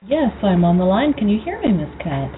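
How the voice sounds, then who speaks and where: A woman's voice: medium pitch, very animated, normal speed, a crowd in the background. A polite woman calling in as a guest, her voice sounding metallic, as if she were in a small tin can. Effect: metallic tin-can sound, like a small metal room. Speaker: guest on a call-in show. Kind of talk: casual chat. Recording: tinny, noisy internet call line.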